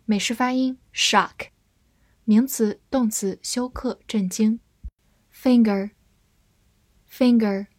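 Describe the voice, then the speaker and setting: A woman teaching English vocabulary in a scripted lesson, reading each word twice and then its meanings in an even voice. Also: a little high, no room sound.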